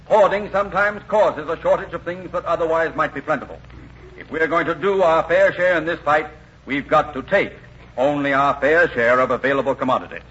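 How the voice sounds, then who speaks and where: Guy doing a pompous mayor, speechy, slightly high voice, muffled old radio. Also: brisk, a bit bright, natural voice. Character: pompous self-important mayor. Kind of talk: 1940s radio comedy acting. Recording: dull vintage radio broadcast.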